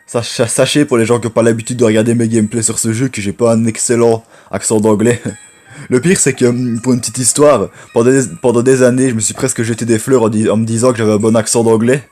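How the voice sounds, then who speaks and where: A man with a low voice giving rambling, chatty gameplay commentary and talking to viewers as friends. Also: little pitch movement, quick pace, darkish tone. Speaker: gaming YouTuber.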